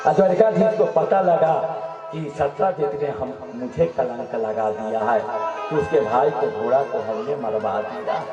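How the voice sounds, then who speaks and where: A man's voice: medium pitch, measured pace. A man preaching a devotional story sermon, emphatic, calling out chants for the crowd to answer. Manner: emphatic, leads the crowd in call-and-response chants. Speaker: katha preacher. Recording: echoey, distant, dull live sound with music and crowd.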